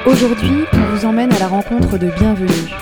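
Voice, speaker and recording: A radio host narrating a sound portrait and gently asking interview questions. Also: medium pitch, normal speed, loud music behind the voice.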